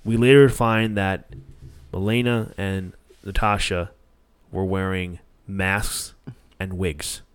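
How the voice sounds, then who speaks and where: A man's voice: deep voice, fairly even intonation, slow pace, clean tone. A man hosting a podcast, recapping a movie in a casual, rambling way, swearing freely and restarting his sentences. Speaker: podcast host.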